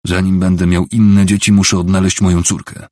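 A man's voice: low-pitched, little pitch movement, brisk, dark tone, dry recording, clean studio sound, natural voice. A man reading the part of a broken, grieving father living on the streets, bitter and stubborn.

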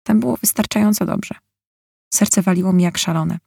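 Gravelly-voiced woman reading a novel. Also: lowish voice, fairly even intonation, moderate pace, warm tone, no room sound, clean studio sound. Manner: emotional, bitter. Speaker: audiobook narrator. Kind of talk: first-person novel narration.

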